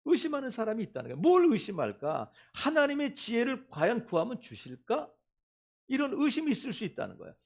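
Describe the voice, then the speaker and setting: A man's voice: very high voice, huge pitch swings, brisk. A male pastor preaching a sermon, asking the congregation questions and acting out quoted voices.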